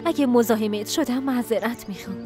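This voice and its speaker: A shy young married woman, dubbed by an actress, speaks in a soft, hesitant, apologetic way. Her voice sits high. Drama score music plays underneath. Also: close to an everyday voice. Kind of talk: Persian dub of a TV drama.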